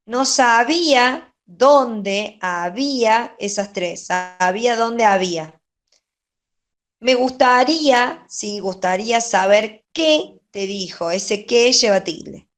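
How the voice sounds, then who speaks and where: Slow, patient woman teaching grammar. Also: on the high side. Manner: patient, checks in with "¿sí?". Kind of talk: grammar lesson, going over answers. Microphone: online class.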